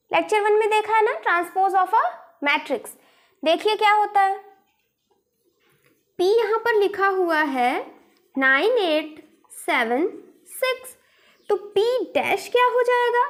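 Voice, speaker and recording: A woman teaches an online maths class in a very high voice. She talks slowly and patiently, walking through every step and asking her students rhetorical questions. She sounds close to the microphone, as in a recorded voice-over.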